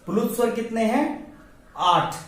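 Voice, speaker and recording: A male teacher giving an exam-prep lecture, asking questions and answering them himself, stretching the vowel sounds slowly while writing on a board. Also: very high-pitched, animated, fairly bright tone. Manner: addresses listeners as friends. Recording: very echoey room, voice from some distance to the mic.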